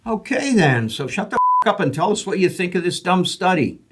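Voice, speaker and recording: A man's voice: sits high, big pitch swings, fairly quick, fairly bright tone, husky, heavily acted. A man playing a parody local news anchor, brash, cynical and bluntly sarcastic. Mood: impatient. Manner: blunt, sarcastic, foul-mouthed.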